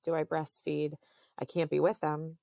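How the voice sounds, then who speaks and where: A woman in her thirties, a podcast guest, telling a personal story in a halting, earnest way with many fillers. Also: low-pitched, level tone, gravelly, warm tone, no echo.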